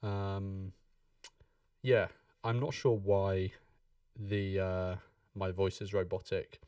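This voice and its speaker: A man's voice: deep voice, level tone, slow, a little mellow, smooth. Man with a robotic, glitchy voice. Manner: drifts on and off the mic while rocking in a chair. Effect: robotic, metallic glitch on the voice. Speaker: live stream host. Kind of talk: casual live stream chat. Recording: voice drifting off mic, robotic glitch.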